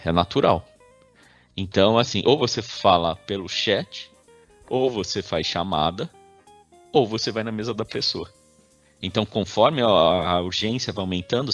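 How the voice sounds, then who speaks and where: A man's voice: lowish voice, fairly bright tone. A man with a Brazilian Portuguese accent giving an informal workplace training talk, chatty and conversational, often ending his sentences with a questioning "né?". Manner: conversational, tags sentences with frequent "né?".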